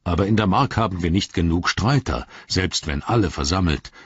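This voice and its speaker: A man's voice: sits low, lively intonation, moderate pace, slightly rough, muffled recording. A man doing a weary aging king. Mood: questioning. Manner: earnest, tired, questioning. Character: weary aging king, proud but doubting.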